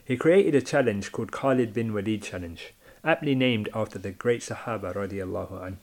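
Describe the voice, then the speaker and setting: Low-voiced male podcast host. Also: fairly quick. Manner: friendly, introduces contributors. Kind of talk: podcast presenting.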